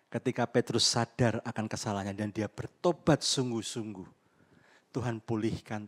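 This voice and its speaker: A male pastor preaching a sermon at a church service, animated and lively, calling on the congregation to respond. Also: on the low side.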